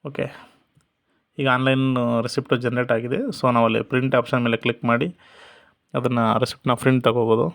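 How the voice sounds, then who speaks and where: A man narrating a step-by-step software walkthrough in a steady instructional manner. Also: mid-range voice, a little fast, vocal fry, long pauses. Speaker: software tutorial presenter. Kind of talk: screen-recorded software walkthrough.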